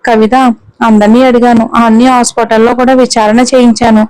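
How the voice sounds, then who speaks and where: Casual: woman voicing kind old father-in-law, gentle and consoling. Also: fairly high pitch, little pitch movement, moderate pace, smooth, no room sound, natural voice, rough recording. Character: kindly older father-in-law, a businessman.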